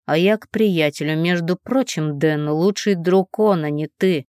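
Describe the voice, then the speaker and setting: A laid-back, teasing young guy from an audiobook, voiced by a woman. The tone is mellow and a little lowered, and the delivery is casual and offhand. The recording is dry and close, with no room sound. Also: measured pace, no room sound, natural voice. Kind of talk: audiobook character voicing.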